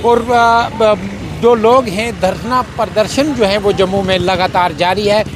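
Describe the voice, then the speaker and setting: A man hosting a news interview, speaking in a measured way with some hesitant fillers. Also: high voice, fairly even intonation, noisy background. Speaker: interviewer host. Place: outdoors by a road.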